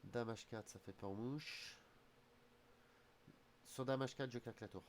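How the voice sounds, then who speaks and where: With a slight head cold, a chess streamer talks himself through his online moves, his mutterings trailing off mid-phrase. He has a mid-range voice and a measured pace, and his streaming desk mic catches slight background noise.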